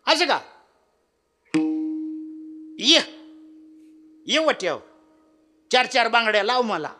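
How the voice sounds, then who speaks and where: A man voicing a fretful, sharp-tongued old village woman in a devotional storytelling sermon. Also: extremely high pitch, very animated, takes it slowly, voice pushed up, full character voice. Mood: curious, bossy. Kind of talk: kirtan storytelling.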